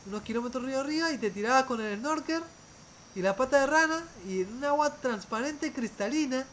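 A man's voice: extremely high pitch, animated, brisk, fairly bright tone, a little hiss or hum, low-quality recording. A man tells travel stories casually, rambling, often restarting words and trailing off. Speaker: traveler telling a story.

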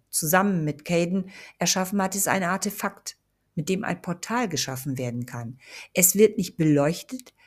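A woman's voice: lowish voice, a little mellow. A woman voicing a commanding, serious witch who gives firm instructions.

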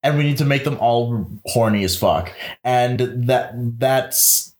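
A man's voice: medium pitch, measured pace, darkish tone. Rambling, swearing young man. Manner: rambling, swearing, frequent laughter, many fillers. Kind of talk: casual chat, movie review.

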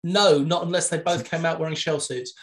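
A woman co-hosting a podcast, briskly reading match lists with dry jokes in a casual news roundup. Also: low voice. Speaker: podcast co-host.

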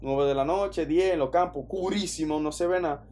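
A man from the Dominican Republic with a Dominican accent, casually telling a personal story in an animated, slangy way, often restarting his sentences. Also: a little high, fairly quick. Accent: Dominican Spanish. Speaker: podcast storyteller.

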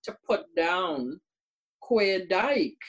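A woman's voice: lowish voice, expressive, drawn-out words. An older woman from Trinidad and Tobago, a guest in casual conversation who speaks earnestly and repeats words for emphasis. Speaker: guest, community workshop presenter.

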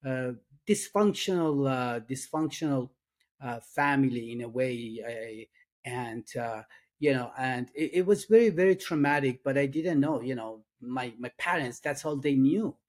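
A middle-aged Persian-speaking man with an Iranian accent, speaking as an interview guest. He talks at an ordinary pitch for a man, soft-spoken and earnest. His sentences stop and restart, padded with fillers. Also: expressive. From Iran. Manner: halting, many fillers and restarts. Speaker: guest, addiction and trauma coach. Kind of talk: casual interview.

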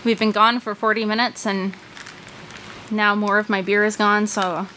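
A woman's voice: medium pitch, little pitch movement, moderate pace, bright, forceful tone, a little hiss or hum, rough recording. Dry, offhand middle-aged woman. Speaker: podcast co-host. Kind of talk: casual political chat.

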